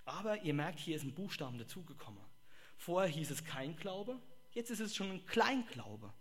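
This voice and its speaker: A man preaches a sermon in a high, bright voice. He talks in an animated way, bursting into exclamations and acting out the people he quotes. His tone is sharp and forward. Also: moderate pace.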